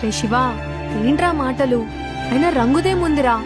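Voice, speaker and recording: A woman's voice: high-pitched, moderate pace, over loud music. A young woman with a Telangana Telugu accent, playing a friend in a scripted comedy sketch, with a bossy, scolding manner.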